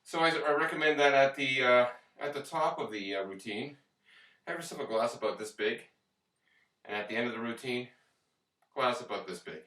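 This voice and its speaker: A man's voice: medium pitch, moderate pace, pushed and bright. A man working as a fitness instructor, explaining exercises step by step as he leads a workout. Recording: echoey room, distant microphone.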